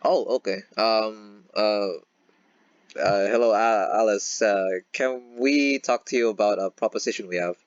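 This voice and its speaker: A man's voice: on the low side, a little slow, clear, resonant tone, dry recording, muffled recording. A man playing in a tabletop game, talking hesitantly with many fillers and restarts. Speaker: player. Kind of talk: casual tabletop role-play chat.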